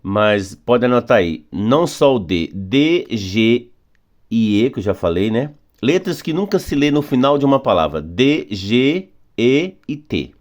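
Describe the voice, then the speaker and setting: A man who speaks Portuguese natively, teaching English phonics patiently, slowing down on rules and repeating examples. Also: mid-range voice, very animated, muffled recording. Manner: patient, repetitive, drawing out key words slowly. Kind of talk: phonics lesson explanation.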